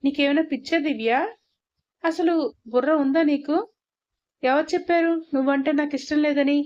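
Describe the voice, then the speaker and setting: A woman's voice: high voice, normal speed, mellow, dry recording, lo-fi sound, natural voice. A woman voicing a young male professor, proud but secretly loving toward his wife, scolding and then tender.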